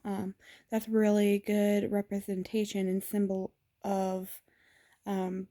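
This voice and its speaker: A woman vlogger giving a casual spoken explainer, hesitant and pausing often with fillers. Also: mid-range voice, warm tone. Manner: hesitant, frequent filler pauses.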